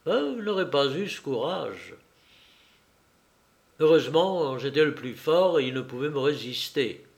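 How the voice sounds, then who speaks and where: A man reading a first-person novel aloud as an audiobook narrator, in a measured, deliberate way. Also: fairly high pitch, animated, gravelly.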